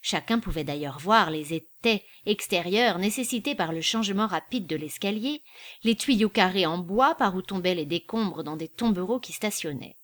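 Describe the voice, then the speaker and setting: A woman reads a classic novel aloud as narrator. Her delivery is measured and clear, with a steady literary cadence. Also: mid-range voice.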